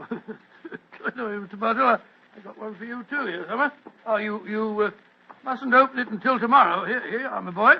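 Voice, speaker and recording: Doctor Watson, high creaky bumbling Englishman. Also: normal speed. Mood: jovial, flustered. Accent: British. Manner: bumbling, hesitant, stammering. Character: kindly, bumbling elderly English doctor, fond storyteller. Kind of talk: 1940s radio drama acting. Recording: muffled old radio broadcast.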